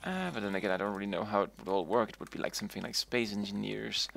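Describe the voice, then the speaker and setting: Male streamer, low gravelly voice, rambling casual game commentary. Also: steady tone, quick pace, a bit bright. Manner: rambling, repeats and restarts himself.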